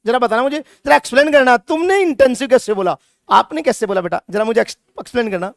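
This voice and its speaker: A man's voice: very high-pitched, fast, gravelly, no echo, studio quality. A male chemistry teacher lecturing a classroom, scolding students and repeating his points with emphasis.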